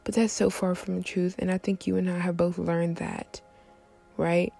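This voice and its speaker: A woman hosts an intimate motivational monologue in a mellow, breathy voice that slips toward a half-whisper. Her delivery is encouraging and deliberate, with plenty of creak at the edges. Music plays behind her. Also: on the low side, little pitch movement. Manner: affirming, encouraging, slow and deliberate phrasing. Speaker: host of a motivational series.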